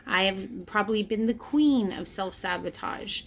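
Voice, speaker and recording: This late-thirties spiritual vlogger talks to the camera indoors about her own life, sounding earnest and confessional and repeating phrases for emphasis. Her mid-range voice has a fairly bright tone and a measured pace, though the recording quality is low.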